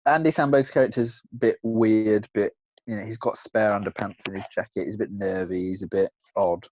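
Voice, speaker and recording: A man's voice: on the low side, steady tone, fairly quick, darkish tone, muffled recording, a little hiss or hum. A man co-hosting a casual film review chat, dry and teasing in a sardonic way. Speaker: podcast co-host.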